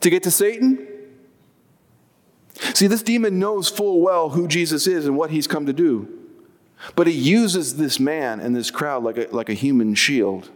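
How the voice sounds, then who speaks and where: Male preacher, easygoing explanatory delivery, somewhat high pitch, echo of a long hall. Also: normal speed. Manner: conversational, explanatory preaching with asides. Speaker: pastor. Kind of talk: sermon.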